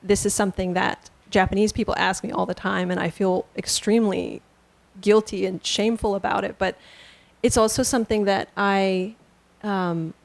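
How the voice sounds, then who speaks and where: A woman from Canada answering an audience question at a book launch, thoughtful and halting. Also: medium pitch, fairly even intonation, gravelly, dry recording. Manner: thoughtful, soft-spoken, halting. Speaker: author on a panel. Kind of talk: panel answer at a book reading.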